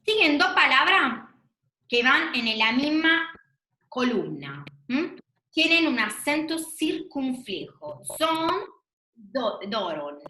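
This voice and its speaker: Woman teacher, slow and lively, echoey room on a video call. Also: high-pitched. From Argentina. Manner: patient, questioning, affirming answers. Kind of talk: online class lesson.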